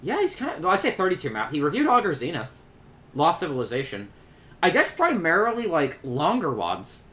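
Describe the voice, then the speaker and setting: A chatty man commenting over a video he is watching, his pitch bouncing around a lot as he talks. He fills his speech with ums and likes and throws in quick jokes and asides. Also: big pitch swings, sharp tone, a little hiss or hum. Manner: chatty, joking, with many fillers and quick asides. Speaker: reaction video host.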